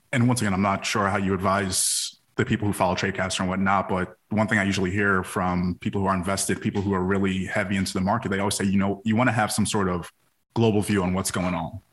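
A man's voice: deep voice, little pitch movement, quick pace, a bit bright. A man hosting a casual podcast, asking long, rambling questions in a chatty way. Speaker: podcast host.

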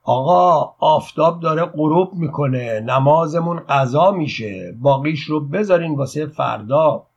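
A man voicing an impatient ship passenger who calls out loudly to cut a speech short. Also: a little high, expressive, hardly any pauses, lo-fi sound. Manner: calling out loudly.

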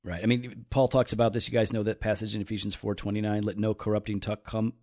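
A man's voice: lowish voice, little pitch movement, quick pace, darkish tone. Man, forties, podcast co-host, jokey but sincere Bible teacher. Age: 40s. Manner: teasing, jokey, then earnest teaching. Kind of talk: casual faith discussion.

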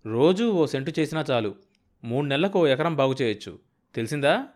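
A man's voice: mid-range voice, animated, a little fast, a little mellow, close to an everyday voice. A man voicing a hardworking, proud farmer father who speaks firmly and with emphasis. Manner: firm, emphatic.

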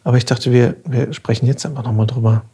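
A man in his mid-thirties hosting a podcast in a casual, conversational way, with a husky voice and a playful, self-deprecating manner. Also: mid-range voice, little pitch movement, quick pace, warm tone. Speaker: podcast host.

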